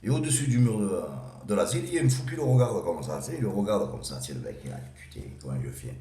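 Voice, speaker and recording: A man with a low, mellow voice rambles through a string of crude jokes and keeps dropping little "you see" asides. The recording sounds roomy and echoey, as if made in a bare room. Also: very animated, very fast, slight background noise. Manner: rambling, with many "tu vois" asides. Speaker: joke teller. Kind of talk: casual joke telling.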